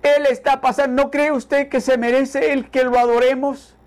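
A man's voice: very high voice, flat delivery, moderate pace. A man preaching a sermon with fervent repetition, calling on listeners to repeat after him.

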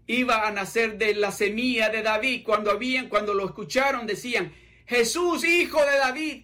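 High, bright-voiced preaching pastor. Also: male voice. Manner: fervent, repetitive preaching. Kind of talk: sermon.

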